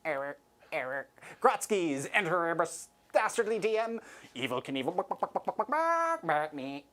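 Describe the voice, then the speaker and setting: A malfunctioning robot stuck clucking the same clipped syllable over and over, as a man puts it on, jumping way up high above his own voice. It stutters, glitches and spits out error chatter between the loops, like a toy on the fritz. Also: big pitch swings, moderate pace, a bit bright. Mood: glitchy. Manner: repeats clipped "bark" sounds in a stuttering loop, cut by error chatter. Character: glitching robot making chicken noises. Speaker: tabletop wargame player. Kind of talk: silly bit on a game stream.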